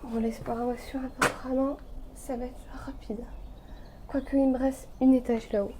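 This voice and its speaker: A young woman vlogging an urban exploration of an abandoned château, talking in a hushed, tense, hesitant way and often dropping into a whisper. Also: high voice, level tone, moderate pace, noisy background. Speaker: urbex vlogger. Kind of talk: narrating while exploring.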